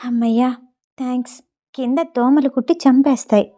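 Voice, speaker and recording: A woman voicing a hushed, coaxing young bride. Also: sits high, fairly even intonation, normal speed, close to an everyday voice. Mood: relieved. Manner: hushed, persuasive.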